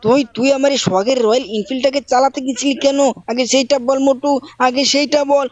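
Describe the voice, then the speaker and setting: High fast theatrical gaming host. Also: fairly even intonation, dry recording. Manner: loud, theatrical threats and scolding. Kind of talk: gaming role-play narration. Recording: dry, dull lo-fi mic.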